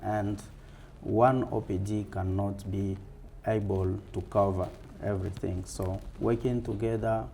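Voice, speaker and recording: African guy being interviewed, talks real slow and halting, mellow voice, bit of background noise. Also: lowish voice, flat delivery, vocal fry. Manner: halting, deliberate. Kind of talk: fireside chat interview answer.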